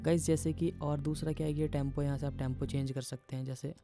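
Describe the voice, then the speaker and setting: A man teaching beginners music production software in a casual, explanatory way, often calling the viewers "guys". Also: a little high, flat delivery, fast talker. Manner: casual explanatory, addresses viewers as guys, mixes English terms into Hindi. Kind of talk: screen-recorded software tutorial. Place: home music studio.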